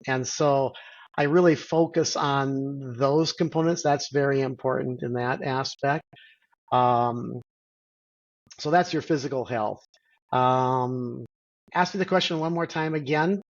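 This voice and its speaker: A middle-aged man, a physician guest, explaining things in a measured way with many pauses and "and so" fillers over a video call. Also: mid-range voice, lo-fi sound. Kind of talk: interview answer.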